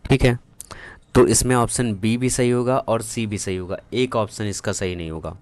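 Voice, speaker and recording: A man with a low, smooth, resonant voice leads an exam-prep math lesson. He works through each problem step by step in a casual, familiar way, often stopping to check that his students follow. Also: steady tone, moderate pace, a little mellow. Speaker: math tutor.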